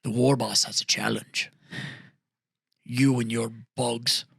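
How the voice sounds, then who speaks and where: A man voicing a proud, quarrelsome male ork warrior who craves worthy foes, rasping and gravelly, mocking and trash-talking in ork slang, in an improvised in-character debate. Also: mid-range voice, fairly even intonation, slow, fairly bright tone, pitched below the performer's own voice, heavily acted. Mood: scornful.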